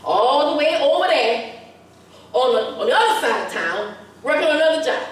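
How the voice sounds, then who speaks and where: A woman's voice: high voice, animated, normal speed. A woman actor playing a furious, foul-mouthed New woman, delivering a scornful stage monologue. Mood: bitter. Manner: profane, scornful, emphatic. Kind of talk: theatrical monologue. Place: theater stage. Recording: echoey stage from a distant mic.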